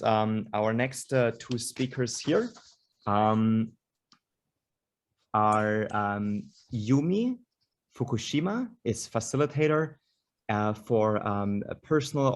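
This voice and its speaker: A man's voice: fairly low pitch, slow pace. A man hosting an online panel over a video call, introducing speakers with many hesitations and fillers. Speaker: host.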